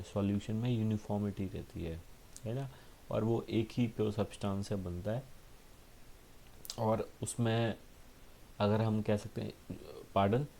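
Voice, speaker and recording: A man teaching a school science lesson, explaining patiently with frequent tag questions and reading textbook lines slowly. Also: on the low side, mellow, slight background noise. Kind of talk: classroom lesson.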